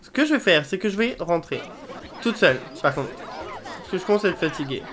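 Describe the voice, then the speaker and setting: A woman's voice: on the low side, big pitch swings, brisk, crowd noise. Chatty woman commenting her gameplay. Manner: chatty, swears and drops English exclamations. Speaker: video game let's player.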